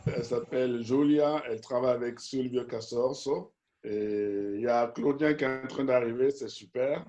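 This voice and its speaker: Male webinar host, medium pitch, informal moderator and interpreter on a video call. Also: fairly even intonation, normal speed, mellow, faint music behind. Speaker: webinar host and organisation president.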